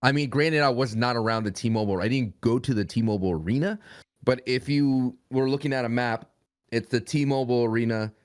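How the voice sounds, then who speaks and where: A man's voice: mid-range voice, a little fast. A young man talking as a podcast guest in a rambling, casual way. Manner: rambling, frequent restarts and fillers.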